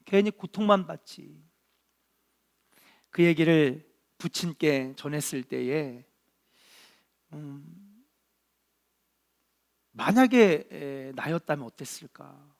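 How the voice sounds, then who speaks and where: A man's voice: fairly high pitch, lively intonation, gravelly. Earnest Korean male pastor preaching. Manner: earnest, drawn-out, with rhetorical questions and frequent affirming interjections. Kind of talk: sermon.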